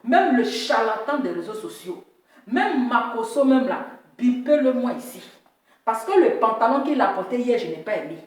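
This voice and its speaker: On a casual live stream, a woman teases and laughs as she speaks straight to her viewers, repeating herself often. Her voice is on the high side, sing-song and darkish, at a normal speed. The room is echoey and she sounds far from the mic.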